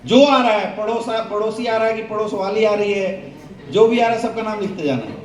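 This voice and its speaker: A man's voice: high-pitched, brisk. A man giving a sales training talk to an audience, quizzing the crowd with call-and-response questions. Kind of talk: motivational seminar talk to an audience. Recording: echoey hall, mic from a distance.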